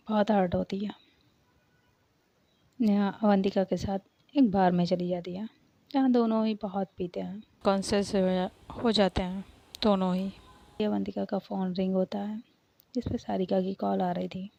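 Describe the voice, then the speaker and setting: Woman storyteller reading a love story, slow and creaky, dark tone, flat lo-fi sound. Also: medium pitch, no echo. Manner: slow, measured retelling. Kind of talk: storybook narration. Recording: dull lo-fi recording.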